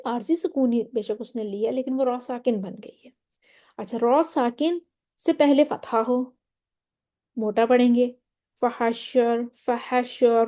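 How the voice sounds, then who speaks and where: A woman's voice: fairly high pitch, warm tone. A woman teaching a Quran recitation lesson, explaining step by step and often checking that her listeners follow. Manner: draws out Quranic example words slowly.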